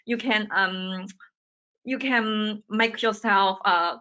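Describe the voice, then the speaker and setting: A woman's voice: mid-range voice, takes it slowly, pushed and bright, clean tone, lo-fi sound. A young woman student from China speaking on a video call, hesitant with many fillers. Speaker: student panelist.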